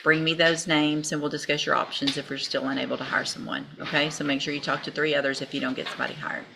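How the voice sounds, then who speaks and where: Woman judge, low voice, firm procedural instructions, hissy courtroom recording. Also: level tone, fast, creaky.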